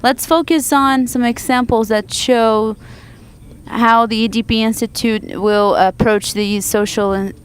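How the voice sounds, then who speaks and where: This woman's voice sits a little high, smooth and fairly even in intonation. She is doing live English interpretation of a panel from a conference booth, frequently stopping to restart and fix her wording.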